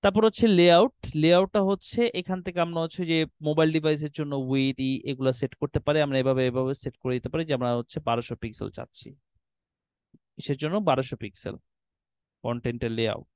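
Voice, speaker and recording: In this screen-recorded walkthrough, a man teaching web design explains website settings on screen, sprinkling in English terms and checking with "ঠিক আছে?" again and again. He talks fast in a fairly high, smooth, slightly mellow voice, with no echo.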